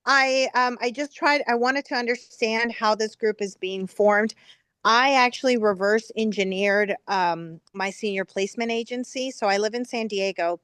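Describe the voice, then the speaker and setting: A woman's voice: fairly high pitch, a bit bright, clear, resonant tone, no room sound. A middle-aged woman and new real estate agent, talking eagerly and apologetically in casual chat over a group video call that keeps breaking up. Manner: eager, apologetic, chatty with quick laughs. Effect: heard over a group video call, breaking up. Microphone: computer or phone mic on a video call.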